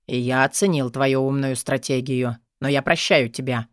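A woman voicing a gruff man with a hoarse, low whisper, grumbling and menacing in an audiobook. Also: steady tone, moderate pace, dry recording, studio quality. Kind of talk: audiobook character voice.

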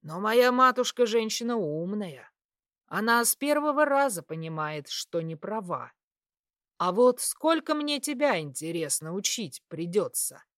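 Picture a brutish young satyr who sneers and taunts in a lowered, menacing voice, as a woman narrator puts him on. The sound is dry, with a middle-range pitch pushed down for him. He comes across as cruel and mocking. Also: animated, measured pace, fairly bright tone, dry recording.

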